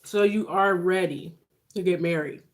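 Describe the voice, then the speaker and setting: A woman in her forties with a slightly low voice chats casually, as on a livestream. She speaks in a conversational, reassuring way, like someone giving personal advice. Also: unhurried. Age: 40s. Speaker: livestream host. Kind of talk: casual livestream chat with viewers.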